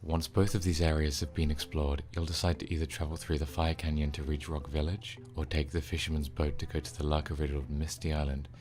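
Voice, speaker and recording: A man with a very deep, low-pitched voice delivers scripted narration as a game reviewer. His wording is casual and wry, while the read stays that of a prepared retrospective. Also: flat delivery, brisk, few pauses, a little mellow. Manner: informal, wry, sweary.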